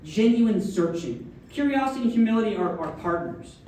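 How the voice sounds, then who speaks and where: Guy giving a sermon, kinda high voice, super echoey church, mic far off. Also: big pitch swings, moderate pace, mellow. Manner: conversational preaching with frequent audience check-ins. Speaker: minister. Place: church sanctuary. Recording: very echoey distant room mic, faint background noise.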